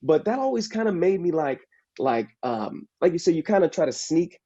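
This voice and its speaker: Over a muffled call, a Bay Area man who does capoeira and acting reflects haltingly on a casual panel, groping for the right words. His voice runs a little high and dark-toned, with large swings in pitch.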